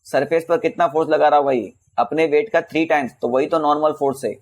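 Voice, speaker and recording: A male physics teacher solving exam questions in a casual Hindi lesson, calling students bhaiya and beta and reading English questions out slowly. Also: on the high side, fairly even intonation, a little hiss or hum.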